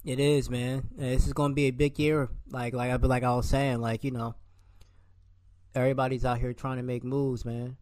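A man's voice: mid-range voice, flat delivery, moderate pace, darkish tone, no room sound. A man co-hosting a casual sports podcast, ranting animatedly and calling players and coaches out. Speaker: podcast co-host.

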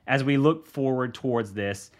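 A sports journalist with a mid-range voice talks at normal speed on his solo sports commentary podcast. He lays out his views in a relaxed, think-aloud manner and restarts often.

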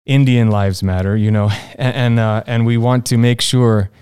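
A man's voice: mid-range voice, steady tone, normal speed, a little mellow, clean tone, no room sound, studio quality. A man hosting a faith-based panel discussion, talking in a searching way and repeating words as he goes. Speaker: panel host.

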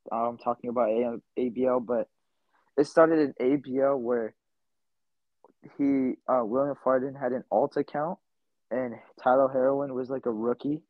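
A man's voice: medium pitch, steady tone, normal speed, dry recording. A young man as a podcast guest, telling stories in a laid-back way with lots of fillers. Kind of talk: casual interview. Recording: dull lo-fi mic.

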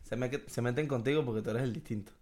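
Brief: young Venezuelan guy, rapid-fire delivery, crude co-host, mocking. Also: mid-range voice, darkish tone. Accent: Venezuelan Spanish. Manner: rapid, crude, quotes others in mocking voices. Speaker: podcast co-host. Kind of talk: casual chat.

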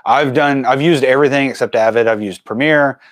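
A man in his forties talks as a guest on an interview show, explaining his filmmaking in an animated, chatty way. His voice sits in a middle pitch and sounds dry and close, with no room around it. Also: brisk, no echo. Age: 40s. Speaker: guest, filmmaker and mountain biker. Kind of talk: casual interview chat.

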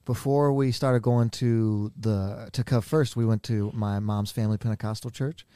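A man's voice: lowish voice, fairly even intonation, normal speed, mellow, clear, resonant tone, no room sound, clean studio sound. A young man co-hosting a casual podcast, telling stories in a rambling, self-deprecating way. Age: young adult. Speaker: podcast co-host. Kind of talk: casual chat.

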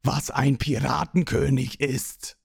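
A man voicing a boastful, hot-tempered male pirate boss who shouts and mocks, in a read-aloud manga story. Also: mid-range voice, fairly even intonation, slow, creaky, slightly rough, no echo, clean studio sound, full character voice. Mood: blustering. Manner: blustering, shouting, mocking.

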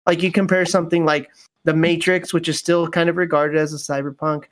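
A man with a somewhat higher-pitched voice talks casually about games as a podcast co-host. He rambles, circling back with fillers and restarts as he builds his point. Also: level tone, brisk.

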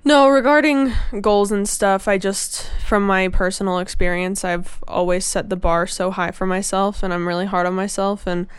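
A woman's voice: medium pitch, steady tone, moderate pace, few pauses, clear, resonant tone, no room sound. A young woman co-hosting a podcast in casual chat, talking in loose, filler-filled runs. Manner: chatty, lots of fillers and restarts. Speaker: podcast co-host.

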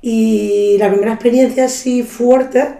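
Fields: Sex: woman. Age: 30s. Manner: lively, profane storyteller. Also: on the high side, a little slow, creaky. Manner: animated, acts out quoted voices, swears freely. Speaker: podcast guest. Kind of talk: casual storytelling chat. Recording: roomy echo.

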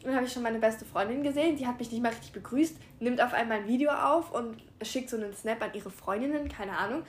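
A woman's voice: a little high, fast talker, a little hiss or hum. A young woman in casual chat, telling stories in a filler-heavy way and acting out what people said, recorded on wireless earbuds. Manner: chatty storytelling, filler-heavy, acts out quotes.

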